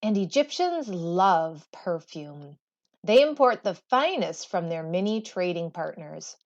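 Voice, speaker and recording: Pitched on the low side, this female teacher reads from a schoolbook for children with deliberate expression, pausing and phrasing it like a story. The audio sounds dull.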